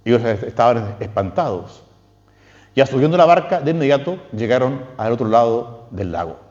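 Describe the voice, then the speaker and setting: Lively Chilean priest in a reverberant hall. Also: male voice, normal speed, dull audio. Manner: lively, questioning, quotes texts with emphatic pitch leaps. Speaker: priest giving a talk. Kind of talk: spiritual lecture.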